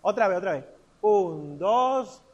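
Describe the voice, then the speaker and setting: A man's voice: high voice, expressive, slow pace, a little mellow, dull audio, a little hiss or hum. A man teaching a congregation to chant, patiently coaching their pronunciation syllable by syllable. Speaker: liturgical chant instructor.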